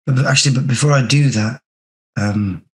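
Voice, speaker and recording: A man with a hoarse, croaky sore-throat voice, teaching an online religious class in a measured, deliberate way. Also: medium pitch. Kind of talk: online class lecture with reading aloud. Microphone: video call.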